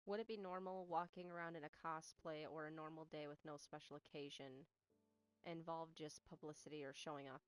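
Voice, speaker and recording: A young woman who grew up with Spanish streams a game in a deep, clear, resonant voice, fairly quick with fairly even intonation. She stutters and rambles casually, talking both to chat and to the game, as game music plays in the background.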